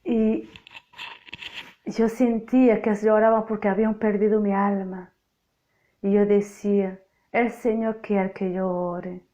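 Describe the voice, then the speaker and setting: A woman's voice: mid-range voice, little pitch movement, slow, long pauses, warm tone, highs cut off. A woman from Portugal with a Portuguese accent, Portuguese native, giving an emphatic, repetitive spoken testimony sermon. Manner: emphatic, repeats phrases for effect.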